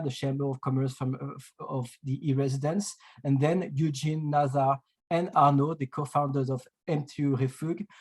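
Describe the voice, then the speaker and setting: Over a video call, a French-accented man from France hosts an online webinar, speaking haltingly with many fillers and restarts. His voice is mid-range and a little mellow.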